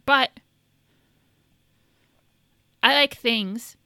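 A woman co-hosting a casual podcast, giving blunt, deadpan opinions. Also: a little high, very slow, no echo. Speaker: podcast co-host. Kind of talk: casual chat.

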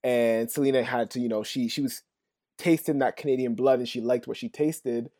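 A man chatting on a casual podcast, relaxed and joking, with many "you know" fillers. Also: mid-range voice, normal speed, heavy background noise.

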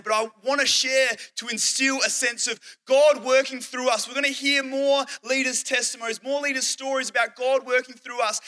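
Young aussie guy preaching to youth, high bright voice, earnest, slows way down on the big points. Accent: Australian. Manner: earnest storytelling, acts out quoted speech, slows for emphasis. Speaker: youth pastor and teacher. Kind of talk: sermon with personal stories.

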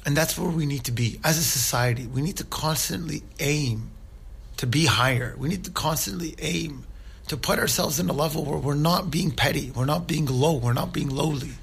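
A man's voice: fairly high pitch, normal speed, creaky, fairly bright tone, husky. A man giving an informal religious talk, earnest and conversational, who often checks in with his listeners. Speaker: Islamic speaker.

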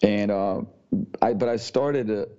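A man from Slovenia, a gym owner speaking as a podcast guest in a halting way, often repeating words before going on. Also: fairly low pitch, mellow, smooth. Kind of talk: casual interview talk. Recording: dull lo-fi audio.

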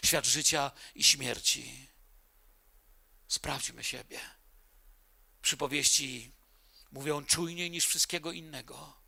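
A man preaching a sermon as pastor, emphatic and stretching key words slowly. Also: medium pitch, steady tone, vocal fry, pushed and bright, breathy edge.

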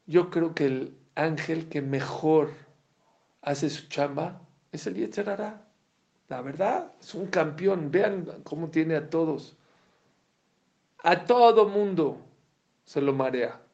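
A man teaching a Torah class, animated and full of rhetorical questions to his students. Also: on the high side, takes it slowly, creaky, pauses often, muffled recording. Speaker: religious teacher.

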